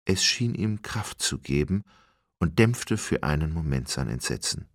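Deep, husky male audiobook narrator. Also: sing-song, measured pace, dry recording, clean studio sound. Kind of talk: scripted narration.

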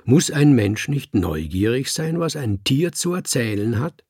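Brief: composed, cunning French tomcat, a male reader voicing him, husky, measured. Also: mid-range voice, no room sound, studio quality, pitched above the performer's own voice, exaggerated voice. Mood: persuasive. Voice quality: calm, smug, salesman-like. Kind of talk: audiobook character voice.

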